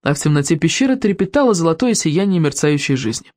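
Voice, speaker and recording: Expressive audiobook narrator, dry close sound. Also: medium pitch, fast talker, no room sound. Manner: lively, expressive storytelling.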